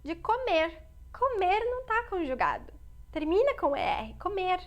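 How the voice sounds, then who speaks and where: A woman teaches a beginner English lesson. She speaks at an unhurried pace and says each example phrase slowly, often twice. She keeps checking in with her learners as she explains. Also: very high-pitched, big pitch swings. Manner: slow, careful model phrases repeated for learners; checks in with "tá?" and "right?".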